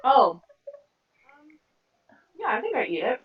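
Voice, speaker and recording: A woman's voice: fairly high pitch, huge pitch swings, a little slow, a crowd in the background. A woman playing in a tabletop game over a voice call, easygoing and playful. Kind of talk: casual in-character play talk. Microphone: online voice call. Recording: roomy, distant, lo-fi call audio.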